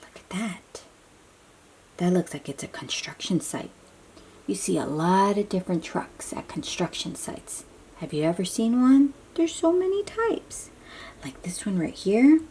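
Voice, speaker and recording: Reading a picture book to little children, a woman takes a very unhurried pace, her expressive mid-range voice rising and falling a lot. Her tone is soft-edged and mellow; she uses simple phrases and often asks the listener a question, then answers it, with a little hiss or hum in the audio.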